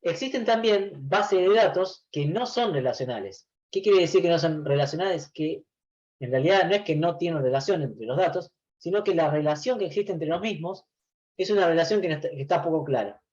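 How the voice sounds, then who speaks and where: A man lectures a university class over a video call. He explains patiently, doubling back on phrases and filling pauses with "eh". His voice sits a little high, and the sound is dull and lo-fi. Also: animated, a little mellow. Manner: explains patiently, many restarts and filler "eh". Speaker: university database teacher.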